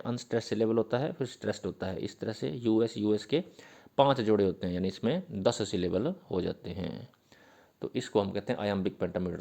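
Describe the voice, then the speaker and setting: A male teacher giving an exam-prep literature lecture in Hindi mixed with terms. He reads definitions slowly, then explains them patiently with fillers and repetition. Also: fairly low pitch, dark tone. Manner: uses fillers, repeats points patiently.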